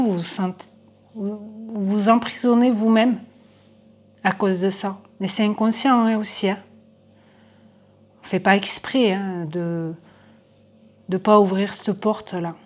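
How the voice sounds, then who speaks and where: Female card reader, slow and halting, lots of fillers, casual reading for viewers. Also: medium pitch, darkish tone. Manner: hesitant, many fillers, thinking aloud.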